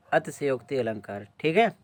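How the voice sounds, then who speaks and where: A man teaching a Hindi lesson for exams. He quizzes his students and answers his own questions, and he clears his throat often. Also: a little high, huge pitch swings, slow pace, fairly bright tone, dry recording. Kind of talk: exam-prep lesson explaining answers.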